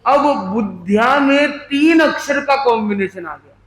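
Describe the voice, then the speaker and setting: Man with a really high voice teaching a class real slow, sounds out each syllable, asks the room questions, echoey. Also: lively intonation, fairly bright tone. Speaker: workshop teacher. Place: workshop room with an audience.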